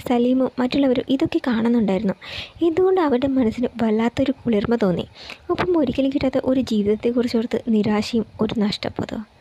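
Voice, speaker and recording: A woman reading a romance story aloud in a calm, steady way. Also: a little high, slightly rough.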